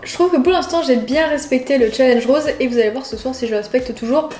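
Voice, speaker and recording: This young woman is a vlogger doing a casual food challenge at home, eating in her kitchen while chatting and giggling with her viewers. She talks fast in a high voice with a darkish tone. Music plays behind her in the echoey room.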